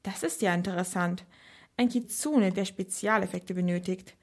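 A woman voicing a calm, clever young man who lays out his reasoning step by step. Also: on the low side, moderate pace. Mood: musing.

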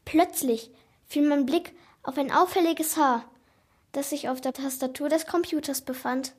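High-voiced woman narrating a storybook. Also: measured pace. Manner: animated, dramatic first-person telling.

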